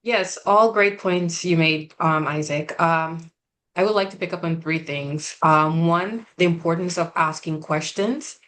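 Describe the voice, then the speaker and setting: A woman from Guyana, speaking earnestly on a webinar panel, often pausing with "um" and asking "right?". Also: lowish voice, a bit bright. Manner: earnest, measured, with frequent "um" and "right?". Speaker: regional representative. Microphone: video call.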